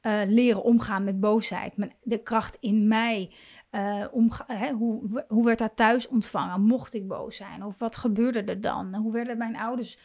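A woman hosting a parenting podcast, talking in a gentle, coaching way and often rephrasing herself mid-sentence. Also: on the high side, fairly even intonation, a little slow. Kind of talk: reflective solo podcast talk.

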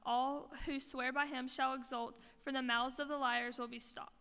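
A woman reads scripture in a high, bright voice that stays smooth and clear. Her reading is steady and measured. A long church reverb trails each line. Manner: measured, even reading aloud. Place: church sanctuary.

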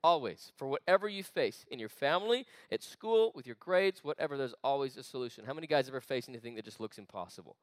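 A man preaching an energetic sermon to a youth group, chatty and full of asides. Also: medium pitch, no echo. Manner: animated, conversational preaching with quick asides. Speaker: youth pastor. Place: church meeting room.

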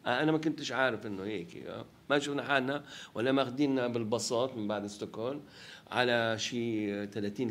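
A film director with a Palestinian Levantine Arabic accent and a medium-pitched voice gives a reflective interview. He halts as he searches for words and checks that the listener is following.

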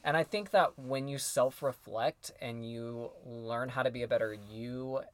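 A man co-hosting a casual podcast as a choir director, animated and quick to laugh at himself. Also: mid-range voice.

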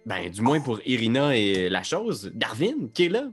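A man with a Québécois French accent narrating a tabletop game as game master, halting and searching for words. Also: mid-range voice, very animated, husky, faint music behind.

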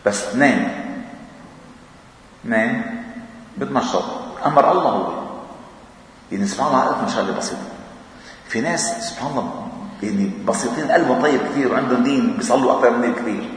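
A man with a Levantine Arabic accent preaches in a casual, conversational way, often chuckling and tossing out questions to his listeners. His voice booms around a large, echoing hall with a long reverb tail. He sounds set back from the microphone. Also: fast talker, pauses often. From Lebanon. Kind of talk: informal mosque talk. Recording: echoey hall, mic far off.

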